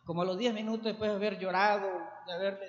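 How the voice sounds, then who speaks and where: A man's voice: high voice, level tone, fast talker. A man, a pastor, giving an earnest, emotional sermon with a personal testimony. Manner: earnest and emotional, building to fervent exhortation. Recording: echoey room, dull lo-fi sound.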